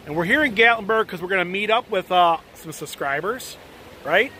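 Yankee guy doing a travel vlog, kinda high voice, lots of "right?", noisy street behind. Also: animated, fairly quick, sharp tone. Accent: Northern US. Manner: chatty, keeps asking "right?". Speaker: vlogger. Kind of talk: casual travel vlog chat. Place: out and about on a rainy tourist street.

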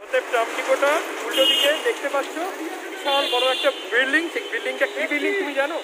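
Chatty street-food vlogger, man, high voice, talking through a face mask, music underneath. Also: steady tone, fast talker, poor audio. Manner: chatty, talks straight to viewers. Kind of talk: walking street vlog. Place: busy city street outdoors.

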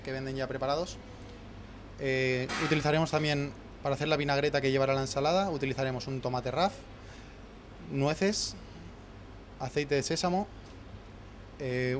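A man's voice: mid-range voice, a little hiss or hum. A man, a head chef explaining his recipes in a restaurant kitchen into a handheld mic, with many restarts and fillers. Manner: fast, many restarts and fillers while listing ingredients. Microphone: handheld mic held by interviewer.

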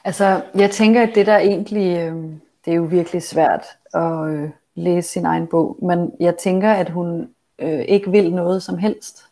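Low, thoughtful-sounding woman author. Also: fairly even intonation, hardly any pauses, mellow. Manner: hesitant, thoughtful. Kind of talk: literary conversation.

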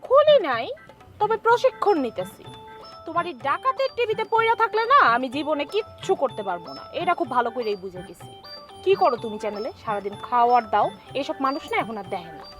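An actress playing a sassy, mocking young wife who dreams of internet fame in a TV comedy drama. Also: female voice, high-pitched, big pitch swings, fast talker, over music. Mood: scornful. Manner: mocking and dismissive. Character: sassy scornful young wife with star ambitions.

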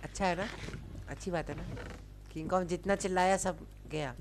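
A young woman chats through a game session in a fairly low voice, teasing and ordering her friend about. She is playful and bossy. Faint hiss sits under her voice. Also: steady tone, fairly quick. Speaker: gamer host. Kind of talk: casual gaming chat.

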